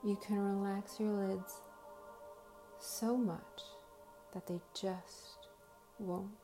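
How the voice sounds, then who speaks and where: Slow, creaky hypnotist woman, dark and soft. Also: medium pitch, steady tone. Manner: slow, soothing hypnotist delivery with long pauses between short phrases. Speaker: host of guided meditation and hypnosis sessions. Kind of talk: slow hypnotic guided relaxation. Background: faint music.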